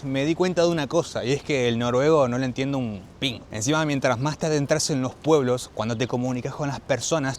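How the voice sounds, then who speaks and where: A man's voice: on the high side, a little hiss or hum. A man with a Rioplatense Spanish accent, chatting casually as a travel vlogger while walking outdoors through a small village and talking straight to his viewers. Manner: chatty, addresses viewers directly, laughs easily.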